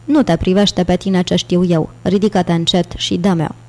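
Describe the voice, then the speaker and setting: Woman voicing a raspy menacing albino monk. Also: lowish voice, steady tone, warm tone, natural voice. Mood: commanding. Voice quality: raspy, hoarse.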